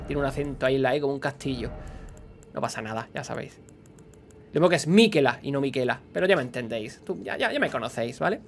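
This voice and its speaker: A man giving chatty, explanatory lore commentary while he plays a game. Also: on the high side. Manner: chatty, explanatory, often says "¿vale?". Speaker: lore channel host. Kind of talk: casual gameplay lore commentary.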